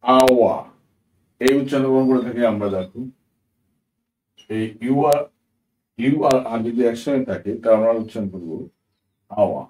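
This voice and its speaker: A man teaching English pronunciation in a patient spoken lesson. He spells out example words slowly letter by letter and often checks in with his listeners. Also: mid-range voice, mellow. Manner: patient, addresses viewers as friends, asks "ঠিক আছে?", corrects himself with "sorry". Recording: echoey room, voice a bit far from the mic.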